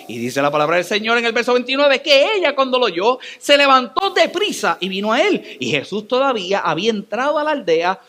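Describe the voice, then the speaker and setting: A male pastor with a Puerto Rican accent, preaching a sermon in a church with dramatic, animated storytelling. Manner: dramatic, animated storytelling with sudden pitch swings.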